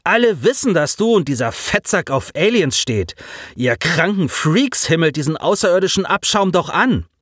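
A burly teenage bully played by a man, rude and blustering, lifted above the reader's usual pitch. The delivery is dry and up close. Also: animated, normal speed, fairly bright tone, dry recording. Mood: hostile.

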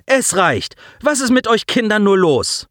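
A stern, gruff officer, as a male narrator puts him on, snaps and scolds in a raised, pitched-up bark. His lines come out in a clipped, dry, close-up storybook sound. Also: very animated, measured pace, fairly bright tone, no room sound, exaggerated voice. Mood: scolding. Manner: barking orders, scolding. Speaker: ensign.

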